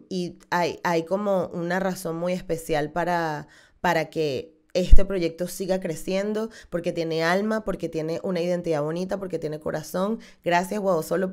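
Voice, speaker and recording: A woman, hosting a podcast and talking expressively into a studio mic in a small room. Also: fairly low pitch. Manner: animated, gestures a lot with her hands. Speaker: podcast host. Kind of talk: casual podcast outro. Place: small room with dark wall. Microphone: studio condenser mic on stand.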